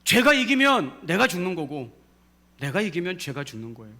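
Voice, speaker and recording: A man's voice: sits high, sing-song, moderate pace, pushed and bright. A man pastor preaching a sermon in a church, drawing responses from the congregation and rising to emphatic peaks. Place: church sanctuary.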